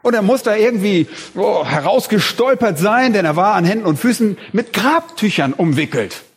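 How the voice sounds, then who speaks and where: A man's voice: high voice, animated, normal speed, breathy edge. A man preaching a sermon in an emphatic way, rising on key words. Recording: reverberant hall.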